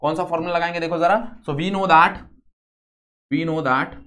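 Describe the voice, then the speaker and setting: A young man with an Indian accent giving a physics lesson, going slowly step by step and often asking the class yes or no. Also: fairly high pitch, pushed and bright. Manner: repeats steps, quizzes students often. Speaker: physics teacher. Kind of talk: classroom lecture.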